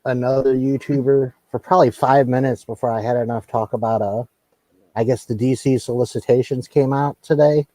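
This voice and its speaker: A relaxed man hosting a casual live talk show, his voice mellow and warm. He speaks in an easygoing way, often repeating words, and sounds dry and close. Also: mid-range voice, fairly quick, dry recording, rough recording. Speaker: host.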